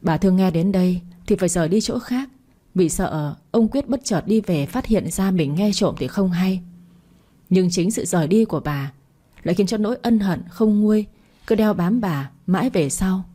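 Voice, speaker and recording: Give me a woman reading a dramatic story aloud, warm and slightly raspy. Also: medium pitch, animated, moderate pace. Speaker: narrator. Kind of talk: scripted audio story narration.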